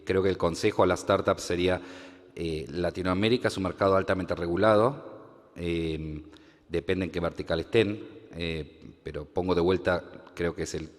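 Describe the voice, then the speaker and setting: A man speaking on a conference panel, hesitant, with frequent fillers. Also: deep voice. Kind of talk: panel discussion. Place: conference hall. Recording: long hall reverb.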